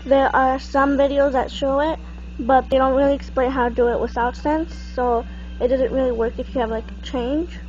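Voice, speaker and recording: High-voiced young woman, stuffy nose. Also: little pitch movement, normal speed, a little mellow, soft background music. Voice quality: stuffy, congested-sounding nasal voice. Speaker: tutorial presenter. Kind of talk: casual unscripted how-to walkthrough. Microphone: handheld phone. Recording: muffled, noisy phone camera recording.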